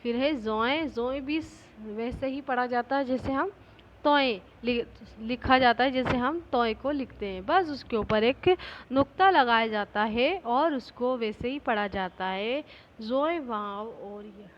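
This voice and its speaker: A woman's voice: a little high, measured pace, muffled recording, a little hiss or hum. A woman school teacher giving a patient classroom lesson, asking questions and answering them herself. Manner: patient, repeats each point, asks and answers itself.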